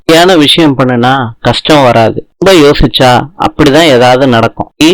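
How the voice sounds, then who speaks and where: A man's voice: mid-range voice, normal speed, natural voice, poor audio. A man reading a stern old father. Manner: reading the lines flatly in his own voice. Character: stern elderly father, head of household.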